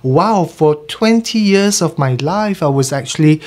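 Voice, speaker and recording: Singaporean-accented man in his 40s, radio guest, thoughtful, halting delivery. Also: on the high side, expressive, darkish tone. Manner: hesitant, many fillers and restarts, reflective. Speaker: arts festival curator. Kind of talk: radio interview. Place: radio studio.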